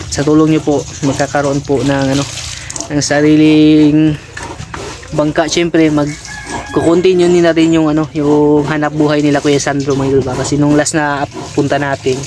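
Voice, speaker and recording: A man casually vlogging outdoors beside a boat under construction, chatting to his viewers and calling them idol again and again. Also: fairly high pitch. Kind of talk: casual vlog walkthrough. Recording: outdoor recording with clear background noise.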